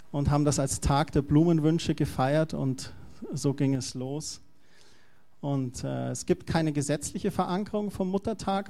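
A man's voice: a little high, vocal fry, warm tone. A male pastor giving a conversational, explanatory sermon.

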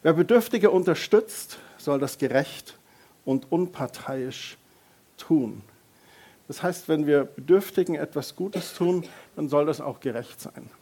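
A middle-aged man preaching a lively sermon as a pastor, joking with the congregation and raising his voice for emphasis. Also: fairly high pitch, unhurried. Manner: lively, varies loudness for emphasis, jokes with congregation.

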